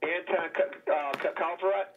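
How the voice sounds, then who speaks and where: A man with a high, gravelly voice speaks at a moderate pace, with a little hiss or hum in the background. He's a defense attorney calling into a court hearing, talking hesitantly with lots of fillers and restarts. His voice comes through a courtroom speakerphone on a tinny phone line.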